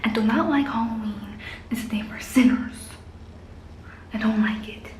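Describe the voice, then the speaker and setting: A woman voicing a whiny, self-righteous young woman character in a hushed half-whisper, scolding and petulant. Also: a little high, normal speed, slight background noise, natural voice. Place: small bathroom indoors.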